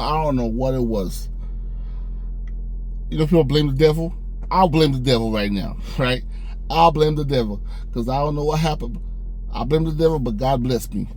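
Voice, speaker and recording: Young man, casual storytelling, slightly high voice, animated, faint background hum. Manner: animated, acts out dialogue with raised voice. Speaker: storyteller vlogger.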